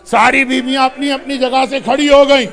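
بہت اونچی آواز والا مرثیہ خواں مرد. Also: male voice, extremely high pitch, level tone, fairly bright tone, soft background music. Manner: rhythmic, lamenting, dramatic narration. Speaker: preacher narrating a mourning sermon. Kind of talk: emotional mourning sermon storytelling.

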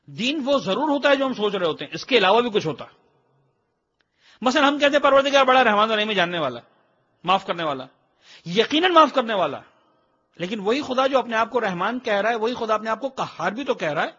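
A man's voice: high-pitched, animated, a bit bright, husky. A man who is a cleric, teaching a religious class in an explanatory, emphatic way and slipping English phrases into his talk. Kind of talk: religious lecture. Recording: dull lo-fi recording.

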